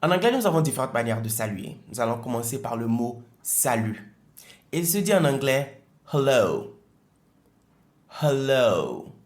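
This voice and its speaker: A man's voice: medium pitch, animated. Man teaching English greetings, echoey room. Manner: slow, careful modelling of words with repetition. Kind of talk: beginner language lesson.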